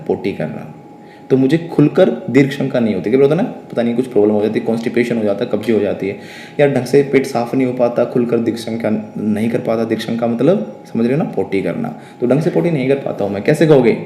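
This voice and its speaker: A man teaching a spoken English lesson, lively and questioning, dictating example sentences very slowly. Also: medium pitch, reverberant, slight background noise.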